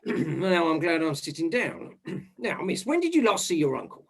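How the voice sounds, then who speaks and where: An actor playing a dogged but fumbling English police inspector in a stage murder mystery, questioning people in a halting, polite way. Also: male voice, on the high side, big pitch swings, slightly rough, heavily acted. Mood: inquiring. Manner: hesitant, halting, polite formal address.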